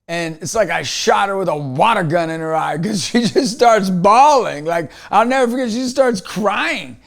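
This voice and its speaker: Gravelly-voiced man telling a personal story. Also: high-pitched, expressive, normal speed. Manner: earnest, repeats words as he restarts. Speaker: motivational speaker.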